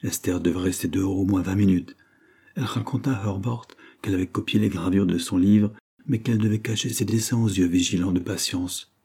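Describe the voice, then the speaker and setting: A man narrating a classic novel as an audiobook in a steady, even reading style. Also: sits low, fairly quick, breathy edge.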